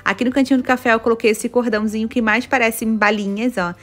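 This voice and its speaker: A woman's voice: a little high, fairly even intonation, fast talker, faint music behind. A Brazilian woman with a Brazilian Portuguese accent, chatting enthusiastically as she shows home decorations, gushing over each item. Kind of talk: casual chat. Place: home kitchen, indoors.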